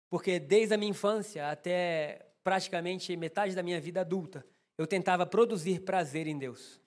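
A man with a Brazilian Portuguese accent preaching a sermon to his congregation. He tells a personal story with humor and speaks straight to the listeners. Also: high-pitched. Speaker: pastor.

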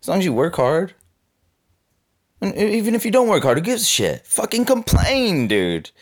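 A man's voice: high-pitched, sing-song, normal speed. A man in his twenties from Southern California, rambling casually to the camera in a laid-back, slangy, cynical way, full of fillers. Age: 20s. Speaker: vlogger.

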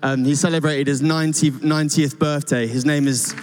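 A man's voice: on the high side, fairly even intonation, a little fast. A young man, a youth pastor, giving an earnest, rambling church talk with many restarts. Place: church stage. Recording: church hall reverb with soft guitar.

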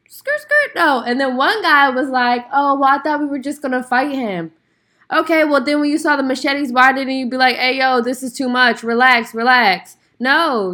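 Indignant woman podcaster, slightly high voice. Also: fairly bright tone. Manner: indignant, emphatic, slangy and conversational. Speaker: podcast host. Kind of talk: casual solo podcast talk.

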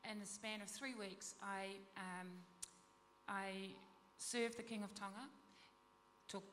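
A woman giving an earnest, halting testimony to a church gathering, with many restarts. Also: medium pitch, sharp tone, in a large hall, slight background noise. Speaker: panel speaker at a church event. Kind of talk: testimony talk.

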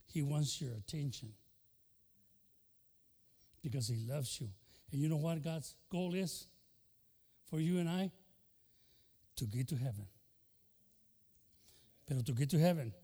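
Older male pastor, impassioned bilingual sermon, gravelly edge, long church reverb. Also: medium pitch, slow pace, long pauses, dark tone. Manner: impassioned, switching between Spanish and English.

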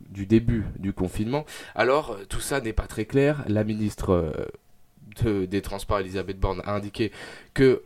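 A man reads the news live on local radio with a rather low voice. He stumbles often and fills pauses with drawn-out hesitation sounds. He speaks into a studio microphone. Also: warm tone. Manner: hesitant, frequent filler sounds.

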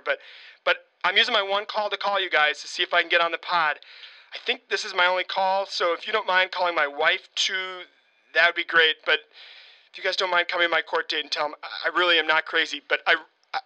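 A man's voice: fairly high pitch, bright, forceful tone, smooth, no room sound, low-quality recording. A man doing an overeager voicemail pest. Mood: flustered. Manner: rambling, pleading, awkwardly persistent. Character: overeager pushy local booster man begging to be a guest. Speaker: comedy sketch caller. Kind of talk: leaving a string of voicemail messages.

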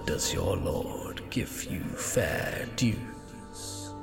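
A game master voicing a menacing, tempting otherworldly spirit in a ghostly, drawn-out whisper, as whispered role-play. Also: low voice, animated, gravelly, music in the background, voice pushed down, heavily acted. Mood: eerie, probing.

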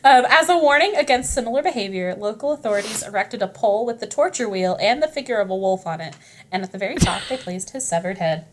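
A woman's voice: mid-range voice, expressive, fast, a little hiss or hum. A young woman guest on a casual podcast, telling history stories in a rambling, profane way with many fillers and asides. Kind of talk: casual storytelling chat.

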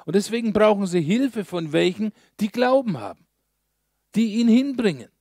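A male pastor preaching a sermon, telling a story in a lively way with slow, emphatic pauses. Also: high-pitched, dry recording, clean studio sound.

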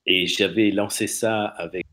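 A deep-voiced man speaks on a casual podcast, stopping often and repeating words before finishing his thoughts. His delivery is unhurried and conversational. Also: fairly even intonation, fairly bright tone. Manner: hesitant, halting with repeated words.

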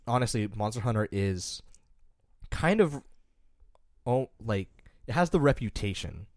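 A man's voice: mid-range voice, animated, measured pace, a little mellow, dry recording, clean studio sound. A man co-hosting a gaming podcast, chatting casually with frequent restarts and offhand swearing. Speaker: podcast co-host. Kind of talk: casual chat.

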